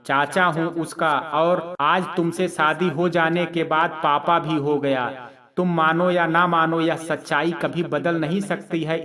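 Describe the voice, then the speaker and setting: A man's voice: a little high, close to an everyday voice. A man voicing a proud, hot-tempered young husband and uncle in a spoken story, making firm, clipped declarations.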